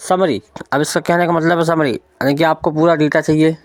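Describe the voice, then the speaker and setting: A man's voice: fairly high pitch, fairly even intonation, fairly quick, no echo. A man giving an informal spoken tech tutorial, explaining step by step and often checking in with the listener. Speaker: tutorial presenter.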